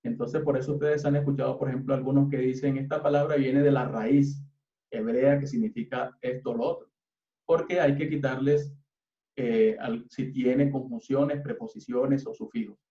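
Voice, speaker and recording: A man's voice: mid-range voice, fairly even intonation, moderate pace. Colombian man teaching in a roomy church. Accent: Colombian Spanish. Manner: patient, explanatory, spells out letters step by step. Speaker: youth service preacher teaching Hebrew. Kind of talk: teaching sermon. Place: church hall. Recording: roomy, distant, dull church recording.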